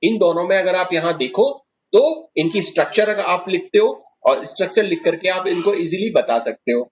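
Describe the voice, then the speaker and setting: The dull, lo-fi recording, with slight background noise, captures a male chemistry teacher with a fairly high voice lecturing briskly at the board. He goes through each step and asks his students questions as he goes.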